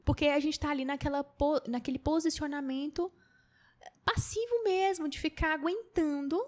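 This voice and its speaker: A young adult woman hosting a podcast, telling stories in a casual, animated monologue and acting out quotes. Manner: animated storytelling, acts out quotes with shrill high voice. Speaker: podcast host.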